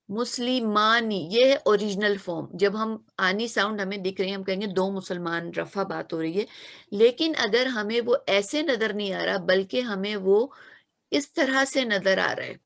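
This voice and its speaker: A woman teaching a grammar lesson, patiently repeating examples and checking that students follow. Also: medium pitch. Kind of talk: explanatory lesson.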